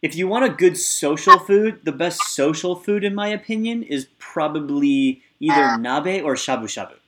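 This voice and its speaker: A man's voice: fairly high pitch, lively intonation, normal speed, fairly bright tone. A man chatting in a laid-back, loose way, tossing in "man" and laughing easily. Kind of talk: casual chat.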